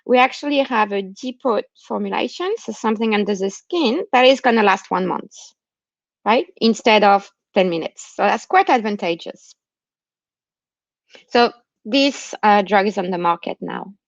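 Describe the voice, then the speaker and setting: This lockdown-era remote lecture features a woman researcher with a non-Australian accent, her medium-pitched voice creaky and moderately paced, with no echo. She explains academic ideas and keeps checking comprehension with brief tags. Audio comes through as a muffled, lo-fi online call.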